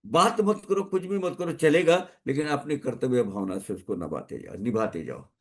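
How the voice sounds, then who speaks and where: A man's voice: mid-range voice, expressive, normal speed. A man giving a spiritual discourse at a devotional gathering, speaking emphatically, repeating phrases for stress and dropping English phrases into his talk. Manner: mixes English phrases into Hindi. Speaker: satsang speaker.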